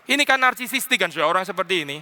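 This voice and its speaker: Lively preaching man in a reverberant church. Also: sits high, racing. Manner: conversational preaching with English phrases and playful mimicry. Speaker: pastor. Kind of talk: sermon. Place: church sanctuary.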